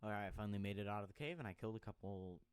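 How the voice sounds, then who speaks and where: A man's voice: fairly low pitch, very fast, smooth, no room sound. A man talking to himself as he plays a game, musing aloud about what to do next. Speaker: gaming channel host. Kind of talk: live commentary while playing.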